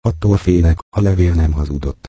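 A scheming younger brother who speaks with soft, false gentleness, as a man reads him in an audiobook. Very deep, dark tone with a husky edge. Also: no room sound. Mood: falsely gentle. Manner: soft, smooth, feigned sympathy. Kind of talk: audiobook reading.

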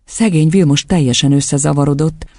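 Woman narrating with a gravelly edge. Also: low voice, darkish tone, no room sound, clean studio sound. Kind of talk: audiobook narration.

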